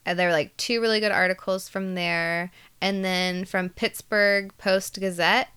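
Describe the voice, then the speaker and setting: Bright, smooth-voiced woman podcast host. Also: mid-range voice, fairly even intonation, measured pace. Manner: chatty, laughs easily, uses many fillers. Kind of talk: casual chat and story recap.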